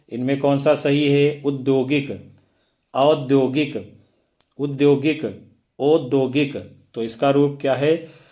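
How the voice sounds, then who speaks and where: A male teacher talks through exam questions at a very slow, measured pace. He reads each option aloud one at a time, then explains the right answer, at a mid-range pitch. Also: a little mellow. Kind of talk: exam-prep lesson.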